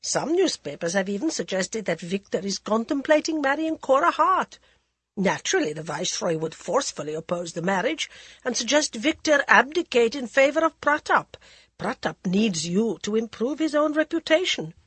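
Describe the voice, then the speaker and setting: Here again a woman reading aloud plays the storybook's older society grande dame, exaggerating her voice into a languid, theatrical drawl that calls everyone darling. The tone is husky, a bit higher and louder than her ordinary narration, with swooping, arch inflection and an arch, languid mood. She speaks at normal speed in a close, dry recording with no room sound.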